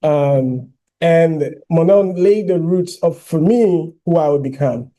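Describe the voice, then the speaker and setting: A man in his thirties from Ghana, giving a personal keynote speech as an animated storyteller who often says "you know". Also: a little high, takes it slowly. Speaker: keynote speaker.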